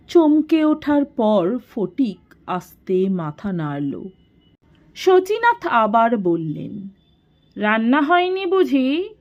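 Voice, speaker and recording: A woman storyteller reads a classic story slowly and deliberately. Her voice sits fairly high and rises and falls a great deal. The recording is a little dull and lo-fi. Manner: slow, expressive reading. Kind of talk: scripted narration of a classic story.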